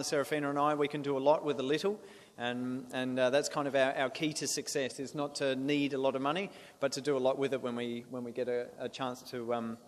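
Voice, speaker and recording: Earnest Australian man in an echoey hall. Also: on the high side. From South Australia. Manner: earnest, with frequent restarts and fillers. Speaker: guest speaker. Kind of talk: presentation to a club. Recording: echoey hall with faint noise.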